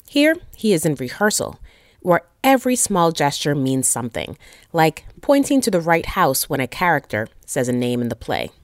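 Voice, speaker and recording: A female radio reporter narrates a scripted feature. Her voice is very low for a woman yet swings widely in pitch, and the recording is dry and close. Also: normal speed, no echo. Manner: expressive, clear reporting. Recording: dry close-mic voice-over.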